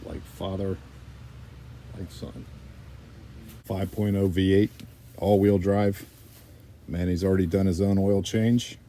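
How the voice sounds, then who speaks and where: A man's voice: deep voice, fairly even intonation, takes it slowly, pauses often, dark tone, slight background noise. A man hosting a casual car vlog, chatting upbeat about the cars in his workshop. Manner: upbeat, chatty commentary while showing cars. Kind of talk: casual garage vlog narration.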